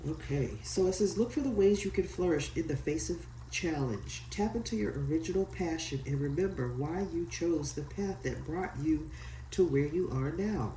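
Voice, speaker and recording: With a head cold clogging their nose, a tarot card reader chats in a loose, apologetic way and reads aloud from a guidebook. Their mid-range voice is expressive and warm at a moderate pace; the distant mic in an echoey room picks up slight background noise.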